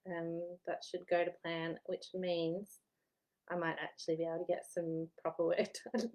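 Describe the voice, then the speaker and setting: Her voice is lowish, a little mellow and slightly worn, with flat delivery at a moderate pace. An Australian woman in her thirties, she's a historian at home offering study advice in a rambling, chatty vlog, often laughing at herself.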